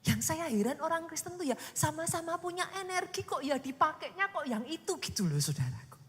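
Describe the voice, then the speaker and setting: A woman pastor, preaching a dramatic sermon that swings from loud to whispered. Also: high-pitched, very animated, a little fast. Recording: long hall reverb.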